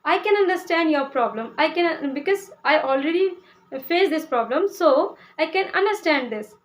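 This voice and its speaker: Talking casually to camera about English learning, a young Hindi-speaking woman from Uttar Pradesh, India, keeps a moderate pace, with a high-sitting voice and lively intonation. She hesitates a lot, repeatedly using "uh," restarting sentences, and asking "okay?".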